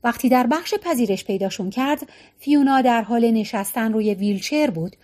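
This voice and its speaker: A woman narrating a novel as an audiobook, in a high voice. She tells the story in a steady, even manner.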